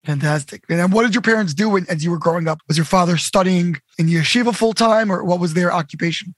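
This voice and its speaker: Upbeat high-voiced man hosting a podcast. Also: fast talker, no room sound, clean studio sound. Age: middle-aged. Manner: upbeat, repeats "amazing" and "incredible". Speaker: podcast host. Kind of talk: casual interview.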